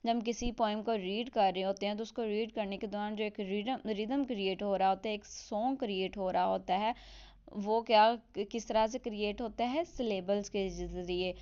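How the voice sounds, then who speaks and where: A woman explaining a literature lesson step by step, asking herself questions and reading English definitions slowly. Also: mid-range voice, fairly even intonation, darkish tone, clear, resonant tone, dull audio. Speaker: online English literature teacher. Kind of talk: explanatory lesson, Hindi mixed with English terms.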